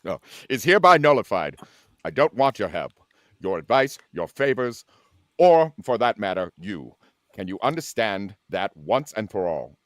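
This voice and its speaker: Picard, a man as a low-voiced dignified captain. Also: sing-song, normal speed, fairly bright tone, no room sound, clean studio sound. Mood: firm anger. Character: Captain Picard, dignified, irritated male starship captain. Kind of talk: amateur live script read.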